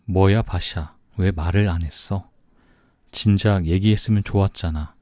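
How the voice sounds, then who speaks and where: A man's voice: low-pitched, steady tone, normal speed, no echo, clean studio sound, close to an everyday voice. A man doing a playful young friend. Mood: teasing. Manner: playful, warm-hearted. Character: teasing, affectionate young male friend.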